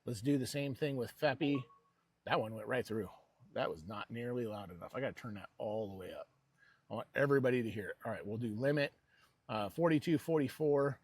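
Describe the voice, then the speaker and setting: A man's voice: medium pitch, slightly rough, no echo. A man hosting a personal investing vlog with casual, rambling commentary.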